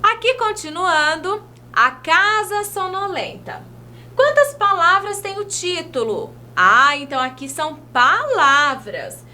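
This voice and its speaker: A woman from Brazil teaching young children in a video lesson, talking slowly in a sing-song way and stretching words out as she spells them. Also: very high-pitched, sharp tone.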